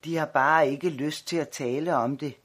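A man voicing an old grandfather in a read-aloud story, grave and hushed, with a husky voice. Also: on the high side, steady tone.

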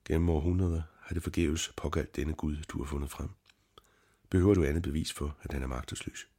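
A man voicing a proud, fiercely angry old priest in an audiobook reading, with a husky voice and scolding, pleading outbursts. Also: very deep voice, steady tone, warm tone, heavily acted. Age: older.

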